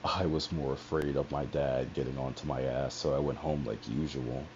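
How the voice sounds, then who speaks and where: On a livestream, a young man speaks at an extremely low pitch, at normal speed and with fairly even intonation, telling a personal story in a rambling, profane way full of asides. The recording is dull, lo-fi headset audio carrying a faint hiss.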